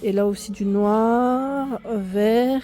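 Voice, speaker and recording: A fairly high-pitched woman speaks extremely slowly as she vlogs a casual walkthrough of a clothing store. She corrects herself often and pitches her voice over the shop's loud music, which registers faintly behind her.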